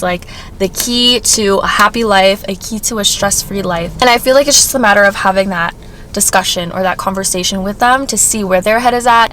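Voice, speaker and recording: A woman's voice: medium pitch, a bit bright, a little hiss or hum. A young woman chatting casually through a Q&A vlog she films herself, sometimes talking while chewing a snack. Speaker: vlogger. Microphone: self-filmed on camera.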